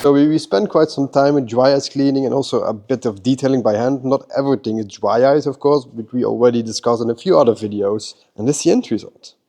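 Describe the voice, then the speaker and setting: Male workshop host, relaxed dark voice, keen and chatty on camera. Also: medium pitch, fast talker, hardly any pauses. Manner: enthusiastic, repeats "beautiful" and "amazing". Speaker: car detailing workshop host. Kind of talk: casual walkthrough vlog. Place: car workshop.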